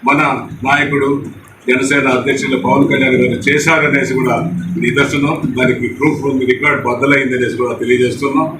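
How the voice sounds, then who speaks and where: A man's voice: medium pitch, level tone, fast. A man from a local Telugu party gives a formal political speech, full of honorifics and thanks, at a party office opening. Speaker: party speaker. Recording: echoey, distant, noisy news mic.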